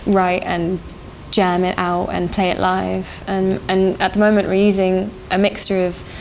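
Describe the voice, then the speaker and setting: A woman's voice: mid-range voice, completely flat delivery, measured pace, gravelly, a little mellow, rough recording. Young South African-born woman singer, hesitant. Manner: thoughtful, hesitant, laughs often. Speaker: band singer. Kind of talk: casual interview answers. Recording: faint background noise.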